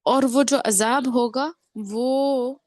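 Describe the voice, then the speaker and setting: A woman's voice: sits high, steady tone, no echo. Woman with a cold teaching tajweed. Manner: explains step by step, often checks with "theek hai?"; slow drawn-out chanting when reciting verses. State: voice affected by a cold. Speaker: Quran teacher. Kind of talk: Quran recitation and tajweed lesson.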